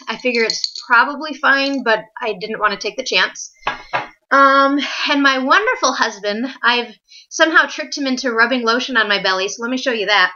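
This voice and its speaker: Young pregnant woman rambling to her camera, bright voice, lots of ums, kinda muffled home video sound. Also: a little high. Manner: chatty, filler-heavy, upbeat. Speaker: vlogger. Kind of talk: casual chat to camera.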